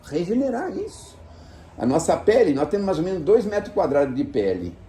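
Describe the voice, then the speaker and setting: A man preaching in a folksy, conversational way to a live audience. His mellow voice sits a bit high for a man and swings widely in pitch as he acts out little asides. A faint hum of room ambience sits behind him. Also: fairly quick. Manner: animated, folksy, uses diminutives and acted asides. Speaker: Spiritist lecturer. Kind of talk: informal spiritual lecture.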